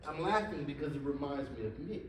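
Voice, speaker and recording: A blunt, streetwise older jazz bandleader who teases the younger player, as a man quotes him. His voice comes from well off the mic in a reverberant hall. There is a low hum of room ambience behind it. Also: expressive, brisk, lightly acted. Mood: amused. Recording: echoey hall, mic far off.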